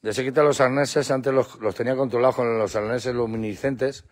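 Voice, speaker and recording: A man hosting a casual live stream with his dogs outdoors at night, talking into a handheld phone and calling to the dogs in a playful, coaxing way. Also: a little fast. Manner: coaxing, playful, breaks into high excited calls to the dogs. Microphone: phone held in hand.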